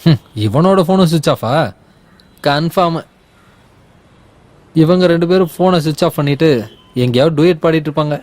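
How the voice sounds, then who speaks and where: A man's voice: fairly high pitch, normal speed, long pauses, darkish tone, close to an everyday voice. An actor dubbing a joking young male sidekick who comically mutters to himself. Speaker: hero's comic sidekick friend. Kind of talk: Tamil film dubbing.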